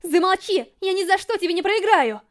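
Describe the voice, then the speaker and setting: A woman voicing a fierce, wounded young winged woman who shouts defiantly at her rival, in an audiobook reading. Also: extremely high pitch, sing-song, fairly quick.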